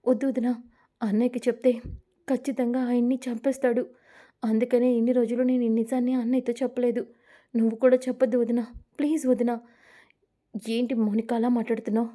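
A woman's voice: a little high, little pitch movement, a little fast, pauses often, mellow, lightly acted. A woman voicing an upright young wife. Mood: pleading. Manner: firm, pleading.

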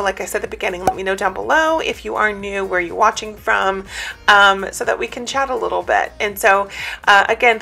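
A woman's voice: medium pitch, gravelly, bright, forceful tone. A woman chatting casually in a home voice-over for her cleaning vlog, with lots of ums and a TV faintly audible from the next room. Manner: chatty, many fillers. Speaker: cleaning vlogger.

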